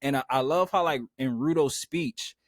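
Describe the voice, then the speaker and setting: A man co-hosting a casual anime podcast, talking in animated slang and jumping into louder voices when he quotes characters. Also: medium pitch, normal speed, no echo, studio quality. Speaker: podcast co-host.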